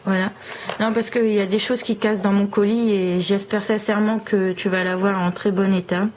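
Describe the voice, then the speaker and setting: Lady slowly showing off little charms, warm mellow voice, bit of background noise. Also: medium pitch, little pitch movement, rough recording. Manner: slow, admiring commentary on small objects. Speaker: vlogger. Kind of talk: casual show-and-tell.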